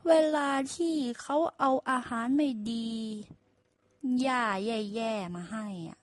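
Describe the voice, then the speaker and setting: A woman voicing a boastful, scheming male donkey in a told fable who lectures loudly and insistently. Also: fairly high pitch, expressive, slow pace, no echo. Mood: smug urging.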